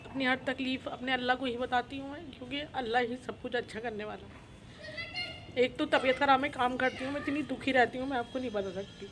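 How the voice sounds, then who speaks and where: A woman's voice: high voice, fairly even intonation, quick pace, background noise. A middle-aged woman vlogger speaking to camera in a sorrowful, plaintive way, repeating her complaints. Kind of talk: emotional personal confession to camera.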